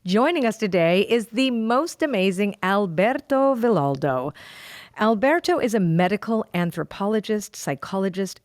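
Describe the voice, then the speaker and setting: A woman's voice: medium pitch, dry recording, clean studio sound. A middle-aged woman hosting a podcast interview, effusive and chatty. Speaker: podcast host.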